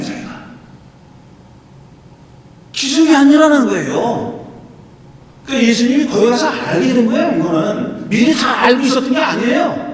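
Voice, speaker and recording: A male pastor delivering a sermon, emphatic and animated, swinging between loud and soft. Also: extremely high pitch. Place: church sanctuary. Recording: echoey church hall from far off.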